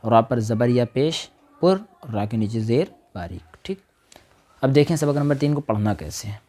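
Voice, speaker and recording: A man teaching a recorded Quran reading lesson, sounding out each letter and vowel slowly and checking with his listeners as he goes. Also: medium pitch, expressive, dark tone. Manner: slow, careful demonstration of each sound, often asks "theek?".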